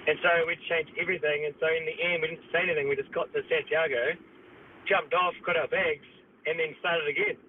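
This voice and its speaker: A man's voice: on the high side, steady tone, fairly quick. A man with a New Zealand accent, telling a personal story casually as a radio caller on a muffled, noisy phone line.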